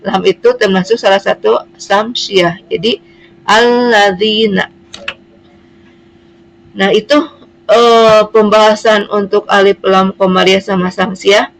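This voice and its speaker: Woman, Quran reading teacher, unhurried delivery, gravelly texture, patient letter-by-letter explanations. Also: mid-range voice, fairly even intonation, rough recording. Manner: patient, spells out letters one by one and stretches example words. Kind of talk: slow classroom explanation.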